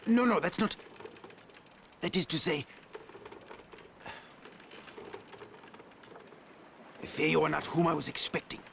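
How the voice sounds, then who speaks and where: An actor playing a proud, indignant captive sailor from Egypt who speaks in a formal, haughty way. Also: male voice, a little high, fairly quick, vocal fry, a bit bright, slight background noise.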